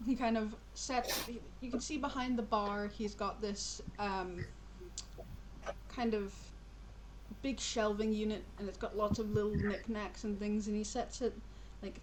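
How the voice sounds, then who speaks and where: Brief: easygoing woman game master, mid pitch, loose rambling narration, audible hiss. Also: measured pace. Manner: relaxed, filler-heavy storytelling.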